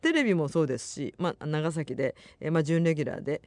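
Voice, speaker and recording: A middle-aged woman hosts a radio show in a dry, close studio sound. She reads listener mail and rambles on in a friendly way with soft laughs. Her pitch moves up and down freely. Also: animated, fast talker, no room sound. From Nagasaki, Japan. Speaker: radio host. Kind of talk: chatty radio talk reading listener mail.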